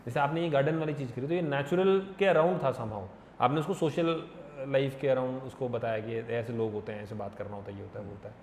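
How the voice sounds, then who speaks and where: A man's voice: mid-range voice, darkish tone. A man hosting a casual podcast talk, pressing his point emphatically. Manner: quick, emphatic agreeing and arguing his point. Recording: echoey room with long reverb and faint noise.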